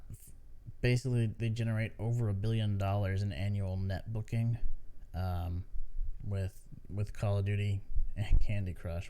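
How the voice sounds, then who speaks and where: A man's voice: fairly low pitch, dark tone, smooth. A tired man hosting a casual gaming news podcast, rambling with many fillers and restarts. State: tired, yawning. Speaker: podcast host.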